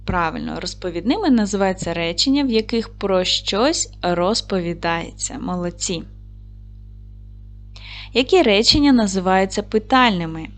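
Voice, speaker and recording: A woman's voice: medium pitch, expressive, normal speed, a bit bright. A woman teaching a recorded lesson to young children. She is patient and encouraging, asks questions, and answers them herself. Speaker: primary school teacher.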